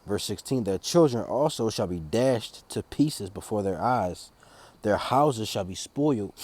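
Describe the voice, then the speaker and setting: A man with a low, mellow voice reads Bible verses in a slow, solemn cadence. Between passages he slips into loose, drawling commentary, stumbling over and repeating words as he talks. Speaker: street preacher. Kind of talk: Bible reading with casual commentary.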